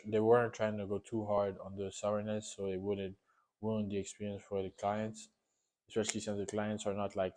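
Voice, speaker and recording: A man's voice: fairly low pitch, a little mellow. A man giving a casual, unscripted taste-test review while eating sour candy, often repeating and rephrasing himself.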